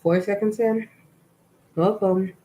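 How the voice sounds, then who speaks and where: A woman vlogging in a relaxed, rambling way, often interrupting herself and sounding a bit drowsy. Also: mid-range voice, takes it slowly, poor audio. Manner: chatty, rambling, self-interrupting; drowsy, easygoing. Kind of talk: casual spiritual vlog chat.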